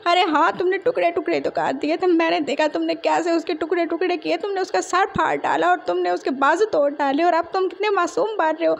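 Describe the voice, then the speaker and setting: A woman's voice: very high-pitched, steady tone, brisk, gravelly, hardly any pauses. A woman voicing a whiny childish young man. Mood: whining. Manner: rambling, complaining, tearful. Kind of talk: fan fiction storytelling.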